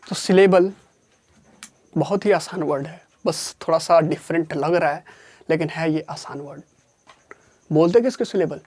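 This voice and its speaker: A grammar teacher giving a classroom lesson, repeating each point and slowly dictating definitions word by word. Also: mid-range voice, darkish tone. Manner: repeats points and asks questions before answering them.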